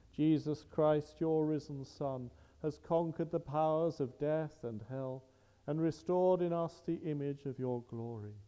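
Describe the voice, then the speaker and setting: A man leading the Mass as priest, reciting the prayers in a slow, measured, solemn way, his voice carried by a long cathedral echo. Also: fairly high pitch, warm tone, smooth. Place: large church. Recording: dull lo-fi recording in a reverberant church.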